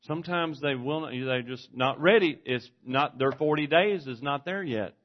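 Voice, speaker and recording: A man's voice: a little high, moderate pace. Earnest male preacher, lo-fi sound. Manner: earnest, varies volume widely, from forceful to hushed. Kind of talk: sermon. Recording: dull lo-fi recording.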